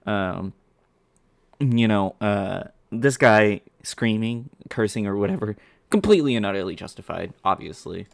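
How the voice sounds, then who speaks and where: A male streamer talks over a clip he is reacting to. His speech is profane and rambling, full of ums and restarts, and his voice sits at a middling pitch with a gravelly fry. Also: expressive, measured pace, no room sound. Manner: profane, rambling, ranting with fillers. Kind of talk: live-stream reaction commentary.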